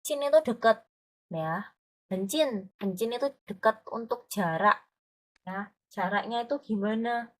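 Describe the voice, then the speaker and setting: In an online Mandarin lesson, a woman tutors her student patiently, explaining things and frequently checking that they're keeping up. Her voice is fairly high, and she speaks at a measured pace.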